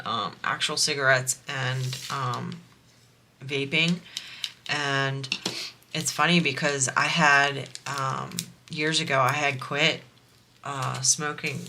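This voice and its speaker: A crafting vlogger from the US East Coast rambles casually while doing diamond painting for her vlog. Her voice is nasal, rumbling low and sharp in tone. There's a little hiss or hum on the recording.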